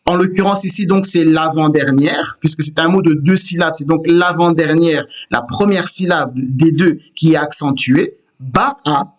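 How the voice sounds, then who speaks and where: On a tinny, phone-like recording, a Hebrew teacher with a highish voice explains word stress at a normal speed with few pauses. He's patient and demonstrates each pronunciation on his own.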